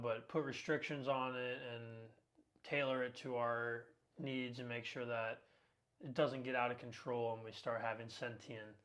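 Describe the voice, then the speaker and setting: A man's voice: medium pitch, a bit bright. A man in his twenties co-hosting a casual podcast, talkative and upbeat, with plenty of ums and uhs. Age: 20s. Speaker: podcast co-host.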